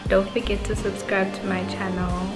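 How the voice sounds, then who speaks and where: A young woman talking casually in a vlog from her bedroom, explaining each step in a relaxed way. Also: mid-range voice, moderate pace. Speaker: vlogger. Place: small home bedroom, indoors. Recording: roomy indoor sound. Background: music playing behind.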